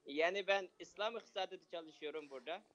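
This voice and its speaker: A man with a Uyghur accent speaking halting, broken non-native Turkish on a live call, often repeating himself. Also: high-pitched, a bit bright, highs cut off. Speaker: phone-in donor, university teacher. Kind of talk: live phone-in conversation.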